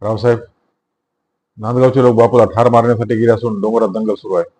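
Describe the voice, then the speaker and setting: A man's voice: on the low side, steady tone, fast, darkish tone, slightly rough. A male village schoolteacher in a spoken novel who arrives running to report trouble, voiced by the man reading the book. He talks in an urgent, breathless rush.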